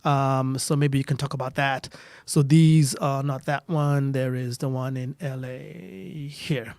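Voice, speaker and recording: A man's voice: medium pitch, fairly even intonation, unhurried, vocal fry, darkish tone, no room sound, studio quality. A man casually hosting a live online interview. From Kenya. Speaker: host.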